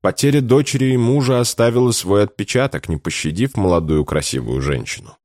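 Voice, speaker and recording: A man narrating an audiobook in an expressive storytelling manner. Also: on the low side, brisk, no room sound, studio quality. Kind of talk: scripted narration.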